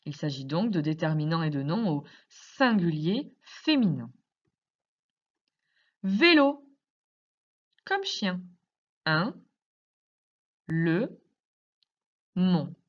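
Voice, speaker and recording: A woman teacher explaining grammar to young children in slow, careful speech, asking many questions. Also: lowish voice, big pitch swings, dull audio. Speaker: primary school teacher.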